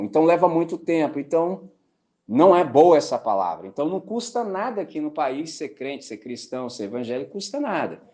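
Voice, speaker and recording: Animated Brazilian male pastor preaching. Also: medium pitch. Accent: Brazilian Portuguese. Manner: colloquial, keeps asking "entendeu?"; animated storytelling with mimicked voices. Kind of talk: sermon.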